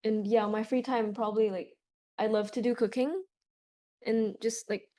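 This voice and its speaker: A woman's voice: fairly high pitch, moderate pace. A young woman from Indonesia, a native Indonesian speaker, talking casually as an interview guest with lots of "like" fillers. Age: young adult. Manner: relaxed, chatty, many "like" fillers. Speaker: guest concert photographer.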